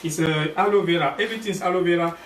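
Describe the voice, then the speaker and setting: On an echoey, noisy livestream picked up by a distant mic, a Cameroonian man speaks haltingly as a guest presenter and health product sales partner giving an informal product pitch. His voice is on the high side and fairly bright. He keeps repeating and rephrasing his phrases several times.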